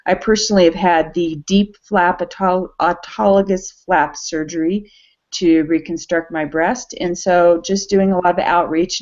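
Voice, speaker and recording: A woman's voice: fairly low pitch, darkish tone. A woman with an American accent introducing herself casually as an advocate. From United States, Arizona. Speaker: patient advocate and blogger. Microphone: video call. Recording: dull lo-fi video call audio.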